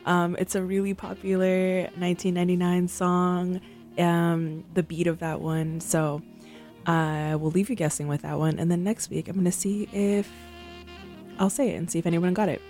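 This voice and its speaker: A young woman with a low voice hosts a radio show, chatting loosely between tracks. She rambles and fills her talk with ums and likes, and faint music plays behind her. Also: flat delivery, moderate pace, darkish tone. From San Francisco. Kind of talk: casual radio chat between songs.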